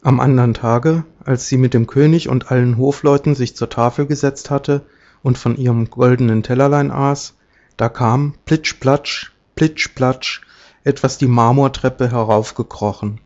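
A man reading a fairy tale aloud in a measured, expressive way, in a dull lo-fi recording. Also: mid-range voice. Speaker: storyteller.

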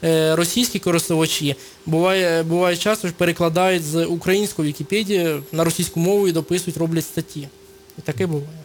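A man speaking as a guest on a radio show, explaining things at length with many hesitations. His voice sits somewhat high. A faint hum runs underneath. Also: steady tone, brisk. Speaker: studio guest. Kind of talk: radio interview.

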